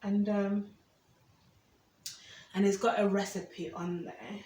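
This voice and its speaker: A woman's voice: medium pitch, little pitch movement, takes it slowly, dark tone. A woman from Uganda chatting casually in her kitchen while she preps food, often checking in with "okay?". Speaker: cooking vlogger. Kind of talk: casual cooking chat. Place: home kitchen. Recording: roomy, distant camera mic, faint ambience.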